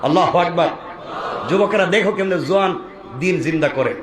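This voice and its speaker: A male preacher delivers a fervent sermon in a high, ringing voice. He swings between quick storytelling and shouted, melodic chanting, and calls on the crowd to answer him. His voice bounces around a roomy, echoing space. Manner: rises into shouted, sing-song chanting; urges the crowd to answer loudly. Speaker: Islamic preacher. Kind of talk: impassioned Bengali waz sermon.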